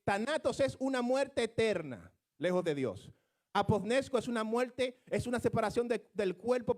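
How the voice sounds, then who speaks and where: A man's voice: high-pitched, a little mellow. A man preaching a sermon, explaining scripture in a teaching manner that rises into fervent, emphatic exclamations.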